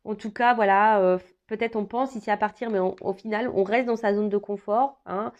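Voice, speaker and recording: A woman's voice: mid-range voice, steady tone, moderate pace, darkish tone, highs cut off. A woman doing a casual tarot reading for her viewers, talking hesitantly with many fillers and restarts. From France. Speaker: tarot reader.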